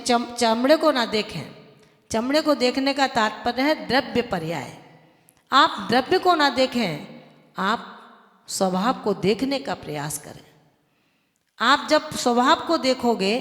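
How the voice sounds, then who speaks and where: A woman's voice: on the high side, expressive, a little slow, fairly bright tone. A woman, a Jain nun, giving an earnest devotional sermon that exhorts listeners and explains with everyday examples. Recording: echoey hall with long reverb.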